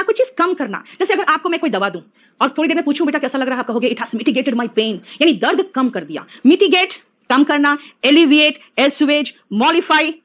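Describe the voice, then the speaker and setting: Brief: middle-aged woman teacher, high-pitched, playful and scolding, lecturing a class. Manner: lively, teasing, mixes English phrases into talk. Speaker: English teacher.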